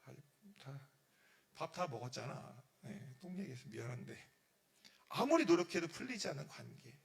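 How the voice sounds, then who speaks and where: A man, a pastor, giving a sermon to a youth group, acting out prayers and God's words in sudden loud bursts. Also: mid-range voice, very animated, normal speed, vocal fry.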